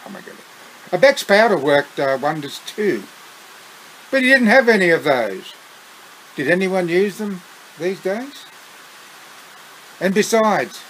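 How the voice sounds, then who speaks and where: A man's voice: sits high, fairly bright tone, slight background noise, rough recording. Australian man reading his own story. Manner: unhurried, with chuckling asides.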